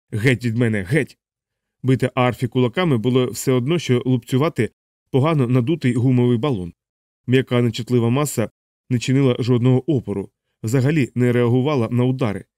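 Brief: male audiobook narrator, mid-pitched, dry booth sound. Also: mellow, no room sound.

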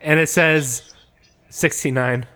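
Here a comedy podcast host works casually through a joke pitch, his slightly high voice bright and forceful, his intonation fairly even. The delivery stays loose, unhurried and comic as he rambles and keeps stacking "like" and "you know."

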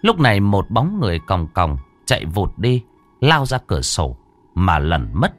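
A man reading a horror story aloud in a dramatic, expressive way. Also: low-pitched, moderate pace, soft background music. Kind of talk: scripted horror story narration.

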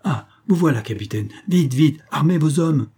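A man voicing an excitable, boastful middle-aged hunter who shouts in alarm. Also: medium pitch, moderate pace, slightly rough. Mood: urgent.

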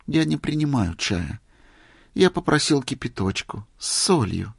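A man reading aloud, voicing a meek, gentle wandering holy fool in a plain, humble way. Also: medium pitch, animated, a little slow, no echo, studio quality, voice pushed up. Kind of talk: story reading.

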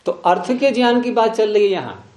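A man's voice: sits high, very animated, a little fast, a little mellow, echoey room. A man teaching philosophy to a class, often prompting students with questions. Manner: questioning, repeatedly prompting with "hmm?". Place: room with students present.

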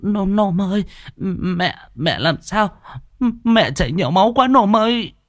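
A man voicing a terrified old grandmother in a spoken ghost story, stammering and wailing in a high, shrill voice. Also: lively intonation, measured pace, dry recording, clean studio sound.

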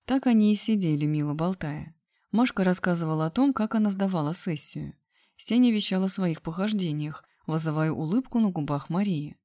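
A woman narrating a first-person novel in an even, steady voice. Her voice sits low, and the recording is dry and close. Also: fairly quick, no room sound. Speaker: audiobook reader.

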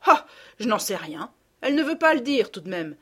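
A woman's voice: on the high side, sing-song, normal speed, a bit bright, slightly rough, voice pushed up, exaggerated voice. A woman voicing a middle-aged peasant gardener woman who scolds and gossips in blunt rustic speech, read as an audiobook character. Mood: gossiping.

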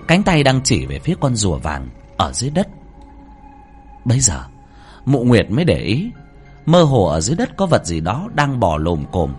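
A man reading a horror story aloud in a dramatic, swinging delivery, with faint music underneath. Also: medium pitch. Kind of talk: scripted horror narration.

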